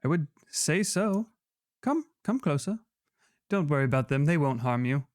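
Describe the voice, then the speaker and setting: A man voicing a mysterious hooded woman, calm and inviting, with a theatrical, coaxing manner in a tabletop game. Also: a little high, normal speed, dry recording, clean studio sound, close to an everyday voice.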